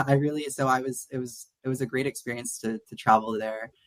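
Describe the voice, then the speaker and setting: Guesting in a casual interview, a young man from Atlanta rambles, restarting frequently and saying "like" a lot. He speaks fairly quickly with fairly even intonation in a medium-pitched, fairly bright voice, with no room sound.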